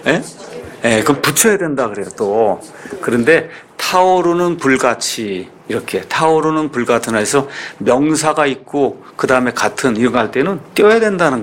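A man's voice: mid-range voice, a little hiss or hum. A middle-aged male pastor preaching to his congregation in a church, in a conversational, confiding way, often asking them questions. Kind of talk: sermon.

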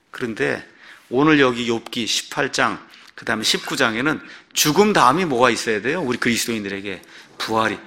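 Pastor, man, bright and forceful tone, expository sermon driven by rhetorical questions. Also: mid-range voice.

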